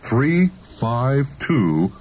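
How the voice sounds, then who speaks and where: A man reading a radio commercial in an upbeat sales pitch, heard through a car radio speaker. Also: very animated, extremely slow, darkish tone. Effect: played through a car radio speaker. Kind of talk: scripted radio commercial read. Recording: dull lo-fi car radio with faint hiss.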